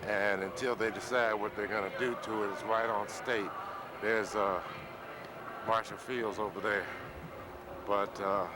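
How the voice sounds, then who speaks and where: A man's voice: fairly low pitch, steady tone, unhurried, very noisy. A man filming an old home video on a city street in winter, rambling casually with lots of hesitations as he points the camera around. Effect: old home camcorder tape sound. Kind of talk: casual narration while filming. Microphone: camcorder built-in mic.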